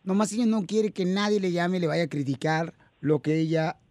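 Guy hosting call-in radio, kinda high voice, sweet-talks callers, dry close studio sound. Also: normal speed, darkish tone, dry recording. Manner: affectionate, calls callers "mi amor" and "hermosa". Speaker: radio show host taking callers.

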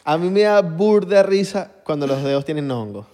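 A man's voice: a little high, normal speed, long reverb tail. A young man with a Venezuelan accent, chatting casually and joking as a podcast co-host. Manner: animated, joking, slangy. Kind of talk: casual chat.

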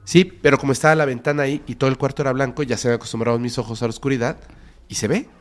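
A man with a Mexican accent, a podcast guest telling a frightening story with dramatic whispers and sudden loud bursts. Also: mid-range voice, fairly even intonation, racing.

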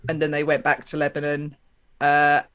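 A woman's voice: sits low, monotone, moderate pace, a bit bright, smooth. A woman from Essex with an Estuary English accent, talking casually and candidly as a podcast guest, blunt and a bit sweary. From Essex, England. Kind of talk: casual, candid interview chat.

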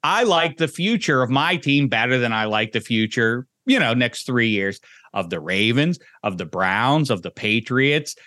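A man's voice: animated, unhurried, pushed and bright, no echo, clean studio sound. A man hosting a sports talk show, joking and theatrical in casual chat. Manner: jokey, theatrical, big pitch swings. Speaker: radio show host.

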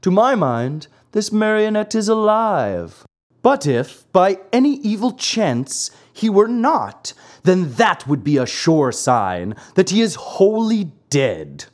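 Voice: mid-range voice, very animated, takes it slowly, voice pushed up. A storybook reader voicing a learned owl doctor politely contradicting a colleague, in a raised, insistent voice.

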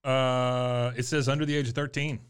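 A man's voice: medium pitch, level tone, moderate pace, clear, resonant tone. A man co-hosting a casual chat while taste-testing candy, making wry, joking asides. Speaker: podcast co-host.

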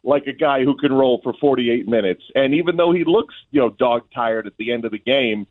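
Over a thin, tinny line that sounds like a phone, a guest play-by-play announcer chats casually about sports from a remote link at an arena. He speaks briskly in a medium pitch.

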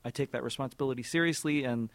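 A music director of an orchestra, a man in his forties, answers interview questions thoughtfully but haltingly, repeating words and using plenty of fillers. His voice is mid-range, and there's no room sound.

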